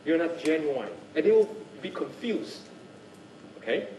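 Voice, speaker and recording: A man teaches a public speaking workshop, his voice rising and falling with lively swings. He sits high for a man and keeps checking in with his listeners. The sound is roomy and picked up from some way off. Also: measured pace, recorded from a distance, muffled recording, a little hiss or hum. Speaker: workshop trainer. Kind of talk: speaking skills workshop talk. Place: workshop room.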